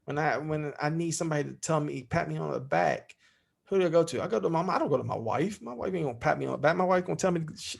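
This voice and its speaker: Gravelly middle-aged man, heartfelt and blunt. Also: a little high, animated, rapid-fire. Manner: heartfelt, swears freely. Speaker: podcast guest. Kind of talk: candid interview talk.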